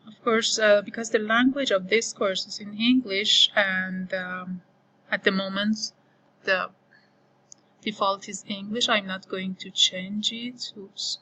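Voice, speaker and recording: A Farsi-speaking woman working as an online course instructor slowly walks through a software screen in a screen-recorded tutorial. She thinks aloud with many pauses and fillers in a mid-range, steady voice, and the recording is rough.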